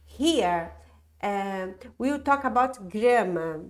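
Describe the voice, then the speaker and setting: A woman with a Brazilian Portuguese accent teaching an English grammar lesson on video. She explains patiently, moves between Portuguese and English, and drills example sentences slowly and clearly. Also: medium pitch, lively intonation.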